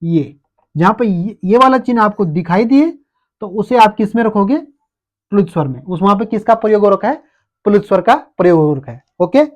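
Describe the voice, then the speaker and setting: A man's voice: sits high, expressive, normal speed. A man with an Uttarakhand Hindi accent teaches an exam-prep lesson and keeps answering his own questions.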